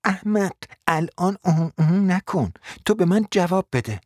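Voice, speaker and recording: A man's voice: big pitch swings, breathy edge, no echo, studio quality. A man voicing a domineering, scornful middle-aged woman who barks orders and insults at her husband in an audiobook reading. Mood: scolding. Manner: shrill scolding, sharp commands and insults.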